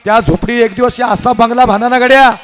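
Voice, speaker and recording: A man's voice: very high-pitched, steady tone, quick pace. A man preaching a devotional kirtan sermon, telling stories with acted dialogue in an impassioned manner. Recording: live hall with reverb and instruments.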